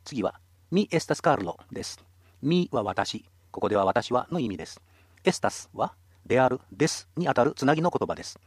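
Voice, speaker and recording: A man's voice: medium pitch, big pitch swings, normal speed, slightly rough, faint music behind. A man teaching a radio language lesson, explaining patiently and encouraging listeners.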